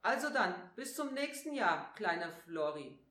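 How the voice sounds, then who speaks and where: A woman voicing Saint Nicholas, a stern but kindly old man who grumbles and gently scolds a child. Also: on the high side, expressive, a little slow. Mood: friendly. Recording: echoey room.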